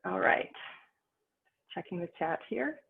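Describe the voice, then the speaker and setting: A woman giving a calm, chatty spiritual teaching on a livestream, reading the chat and telling family stories. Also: fairly low pitch, measured pace, creaky. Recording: tinny phone-like line with faint noise.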